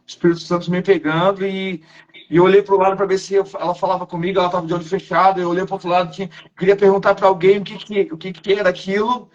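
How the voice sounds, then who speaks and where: Pastor, male, higher voice, earnest testimony, slightly dull live stream sound. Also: level tone, quick pace.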